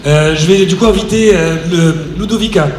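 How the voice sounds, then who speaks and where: A man with a high voice moderates a round table in an informal way. He hesitates and gropes for words, in an echoey room with noise behind him. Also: normal speed. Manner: hesitant, muddled, searching for words. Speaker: moderator introducing speakers. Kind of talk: informal spoken introduction.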